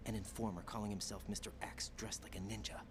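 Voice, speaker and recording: An American actor playing a wary, earnest male infiltrator in a video game, speaking in a hushed way. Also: lowish voice, little pitch movement, brisk, natural voice. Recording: game audio with clear background noise.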